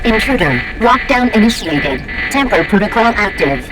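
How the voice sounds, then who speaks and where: A woman's voice: mid-range voice, very animated, normal speed, over loud music, close to an everyday voice, rough recording. A woman voicing a malfunctioning female security computer in a video game, giving clipped, mechanical alerts and repeated error messages. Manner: clipped, mechanical system announcements.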